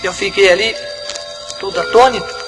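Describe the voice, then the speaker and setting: Male pastor, high-pitched testimony, music under him. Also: normal speed, low-quality recording. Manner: repetitive, dramatic retelling. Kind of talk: religious testimony.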